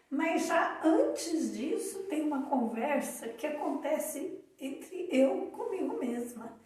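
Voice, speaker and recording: A woman with a Brazilian accent co-hosting a live talk, telling a story in a calm, reflective way. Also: high voice. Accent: Brazilian Portuguese. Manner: calm, reflective, tells anecdotes. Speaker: co-host of a live talk on emotional awareness. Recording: echoey room, far from the mic.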